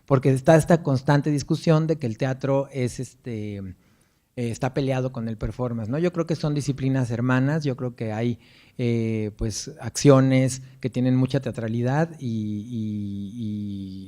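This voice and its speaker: Mellow-voiced Mexican man telling anecdotes. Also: mid-range voice, normal speed. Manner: chatty, anecdotal, frequent tag questions. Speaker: guest lecturer, performance artist. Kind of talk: lecture with storytelling anecdotes.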